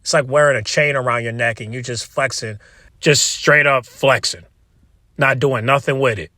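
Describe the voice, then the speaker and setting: A man with a bright, tense voice at a middling pitch records an opinionated rant in a very dry space. He sounds exasperated and talks casually to his viewers, repeating himself, restarting phrases and swearing freely. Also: fairly even intonation, dry recording. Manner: exasperated, repetitive, halting restarts. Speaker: wrestling commentary video creator.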